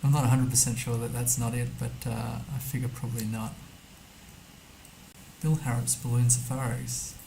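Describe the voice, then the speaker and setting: A man's voice: mid-range voice, level tone, moderate pace, gravelly, warm tone, slight background noise, low-quality recording. A man streaming a map game, thinking aloud casually as he mutters guesses and reads numbers to himself. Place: indoor streaming setup.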